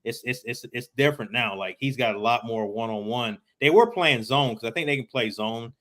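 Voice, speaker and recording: A man's voice: mid-range voice, brisk, fairly bright tone. A man co-hosting a podcast, chatting casually about sports and explaining things at length with lots of fillers. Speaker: podcast co-host.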